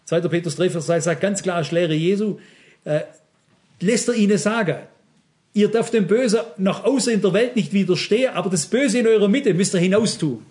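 A preacher with a notably high voice delivers an emphatic sermon. He speaks straight to his congregation and keeps asking them whether they follow him. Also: a little fast, darkish tone. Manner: emphatic, addresses congregation directly with rhetorical questions.

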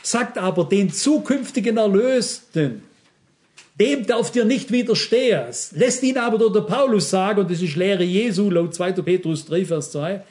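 A preacher with a notably high voice delivers an emphatic sermon. He speaks straight to his congregation and keeps asking them whether they follow him. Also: moderate pace, darkish tone. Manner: emphatic, addresses congregation directly with rhetorical questions.

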